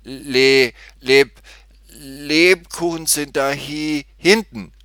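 A man's voice: fairly high pitch, extremely slow, clean tone, no echo, pitched above the performer's own voice, full character voice. Man doing a stuttering young cashier. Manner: stuttering, blurting loudly. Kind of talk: storybook reading.

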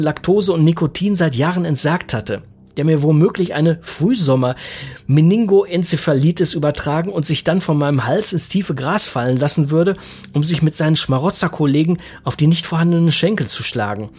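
A man in his forties reading a humorous first-person story in a wordy, self-mocking, deadpan manner. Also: on the high side, slightly rough. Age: 40s. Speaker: narrator.

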